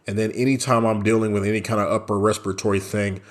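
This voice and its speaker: A vlog host with a nasal, stuffed-up voice talks through his day in an easy, self-deprecating way. His voice sits fairly low for a man. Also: little pitch movement, fast. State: stuffed up from a sinus infection. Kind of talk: casual vlog chat.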